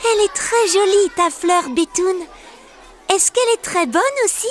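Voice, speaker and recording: A woman voicing a small, quiet schoolgirl in a storybook, with a tiny, high voice. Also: a little slow. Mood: delighted.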